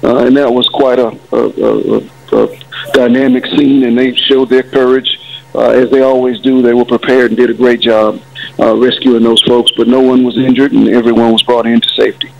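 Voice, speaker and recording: Measured male mayor on a dull phone line. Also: mid-range voice, little pitch movement, gravelly, a little hiss or hum. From Florida, United States. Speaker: city mayor. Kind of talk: phone interview on live news. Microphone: telephone.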